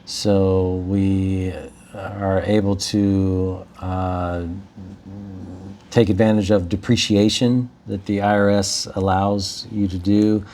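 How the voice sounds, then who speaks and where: A man's voice: sits low, flat delivery, takes it slowly, mellow. A man who hosts short-term rentals, explaining tips in an easygoing, casual advice chat.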